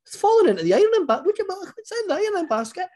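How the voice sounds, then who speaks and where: Flustered Scottish mother, played by a man, very high and insistent, anecdote dialogue. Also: big pitch swings, racing, darkish tone. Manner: insistent, high-voiced pleading. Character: flustered mum covering up a Christmas secret.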